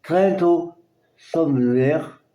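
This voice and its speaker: A man from France casually presenting his record collection, halting and hesitant, with many fillers. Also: a little high, warm tone, echoey room. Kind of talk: casual collection show-and-tell.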